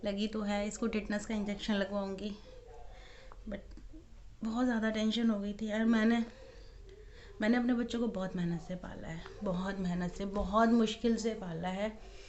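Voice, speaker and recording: A woman's voice: mid-range voice, fairly even intonation, normal speed, a little mellow. A young woman, a mother of twins, telling an emotional story in a casual home vlog, worried and acting out the dialogue. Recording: dull lo-fi audio.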